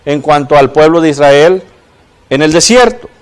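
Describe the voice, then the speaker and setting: A man's voice: a little high, moderate pace. A man preaching a sermon, often putting questions to the congregation and adding "¿verdad?". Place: church.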